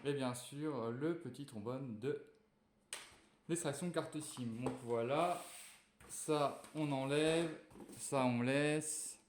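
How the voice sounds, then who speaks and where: A man talks slowly through an unboxing, casual and relaxed, stopping often for fillers as he goes. His voice sits mid-range and sounds roomy, as if he is in an echoey space. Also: medium pitch, background noise. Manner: hesitant, many fillers, relaxed and chatty. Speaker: tech reviewer unboxing a phone. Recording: echoey room.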